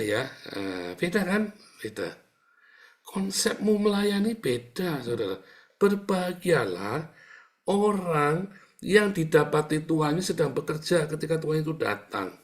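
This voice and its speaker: A man preaching a sermon. He talks to his listeners like a chatty teaser, breaks into sound-effect words, and swings between booming outbursts and soft asides. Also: big pitch swings, measured pace. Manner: addresses listeners as "saudara", chatty and teasing. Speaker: pastor.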